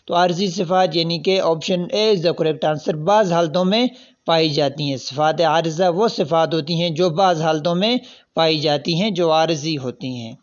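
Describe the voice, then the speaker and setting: A man's voice: on the high side, highs cut off. Man with a raised voice going through exam answers. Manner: reads out options, then explains each answer. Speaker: teacher. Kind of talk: solving past exam questions.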